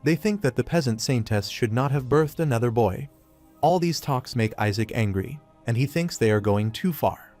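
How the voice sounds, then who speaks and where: A man narrating a comic recap in a steady, even storytelling voice. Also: medium pitch, moderate pace. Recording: faint music behind.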